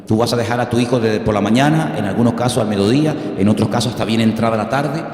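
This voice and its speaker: A man's voice: mid-range voice, quick pace, darkish tone. Older man preaching in echoey church. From Venezuela. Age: 60s. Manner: storytelling preacher mixing humor with warnings. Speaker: pastor. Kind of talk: sermon. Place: church hall. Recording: echoey hall with long reverb.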